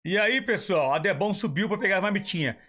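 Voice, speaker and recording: A Brazilian man with a hoarse, raspy voice and a slushy lisp, chatting casually as he streams a game. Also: sits high, lively intonation, brisk, sharp tone. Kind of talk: casual livestream chat. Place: indoor room, streaming setup.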